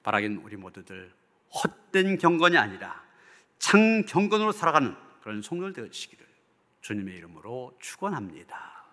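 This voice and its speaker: A pastor's mid-range, slightly bright voice swings widely in pitch as he preaches at normal speed. Earnest and emphatic, he uses rhetorical flourishes before closing in prayer, with the church hall's long reverb around him.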